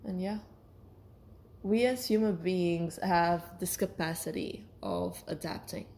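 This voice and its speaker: Lower-voiced woman in casual reflective monologue. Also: slow pace, creaky, darkish tone, slight background noise. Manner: hesitant, searching for words, self-correcting. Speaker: solo podcast host.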